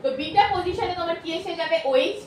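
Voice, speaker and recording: High-voiced woman teaching in an echoey room. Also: darkish tone, far from the mic, slight background noise. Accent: Bengali. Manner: quick, questioning, answers her own questions. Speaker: chemistry teacher. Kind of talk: video lecture.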